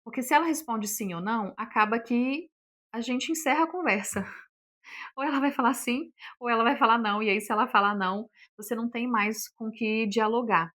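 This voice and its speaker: A woman's voice: on the high side, a little fast, a bit bright. A woman giving a casual online lesson on sales, talking in a chatty way, full of fillers and acting out sample phrases. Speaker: sales instructor.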